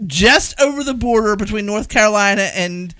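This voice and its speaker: A woman's voice: mid-range voice, moderate pace, a bit bright, no echo. A woman co-hosting a podcast, telling a road trip story in casual chat and filling her speech with "like". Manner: chatty storyteller, many "like" fillers. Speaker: podcast co-host.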